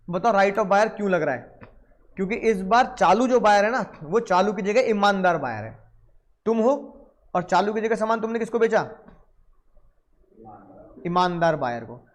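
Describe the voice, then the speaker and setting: A young man gives a playful law lecture in a high-pitched voice. He keeps slipping into quick acted asides as buyers and sellers to drive his points home. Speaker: law teacher. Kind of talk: lively classroom lecture.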